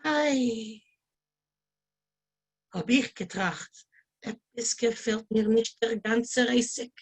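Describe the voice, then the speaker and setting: A woman storyteller reading a short story aloud, giving each line and then its translation. Her voice sits somewhat high, and she reads at a measured, deliberate pace. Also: husky. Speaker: storyteller and Yiddish teacher.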